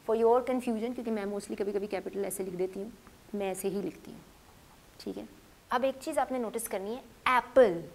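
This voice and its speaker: A woman teaching English phonics to a class, patiently stressing each letter sound. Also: a little high. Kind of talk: classroom lesson.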